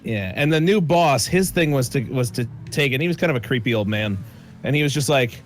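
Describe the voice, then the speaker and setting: A man's voice: mid-range voice, animated, a little fast, faint music behind. A man chatting casually with friends during an online racing game, telling a story and swearing freely. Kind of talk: casual gaming chat.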